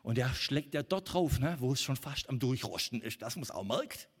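Animated German pastor preaching in a hall. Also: male voice, mid-range voice, normal speed, breathy edge. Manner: animated, emphatic preaching with sudden loud outbursts. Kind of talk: sermon. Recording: long reverb of a church hall.

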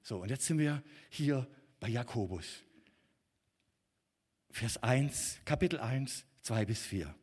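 A middle-aged man preaching a sermon as pastor, emphatic and animated with sudden loud outbursts. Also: medium pitch, slow, pauses often, breathy edge. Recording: long reverb of a church hall.

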